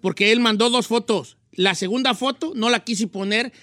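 A man's voice: extremely high pitch, sharp tone, dry recording. A man from Guadalajara with a Mexican accent, hosting a joking radio talk show in a teasing, playful way. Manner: teasing, playful, quick to joke.

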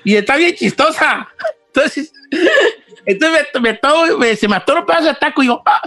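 A chatty old Mexican ranch man, as a man puts him on for a radio show, with a Mexican Spanish accent and a strikingly high, bright voice. He rambles through his stories and acts out each part in them. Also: moderate pace, dry recording, heavily acted. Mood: amused. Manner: rambling, animated, acts out choking and the vendor's replies. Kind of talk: comic radio storytelling.

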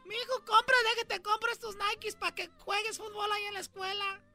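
A shrill, nagging mother, as a male comedian puts her on pleads with her boy in a high, sharp voice. The pitch jumps far above his own, and the tone is bright and piercing. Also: flat delivery, normal speed, soft background music, heavily acted. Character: fretful Mexican mother scolding her son.

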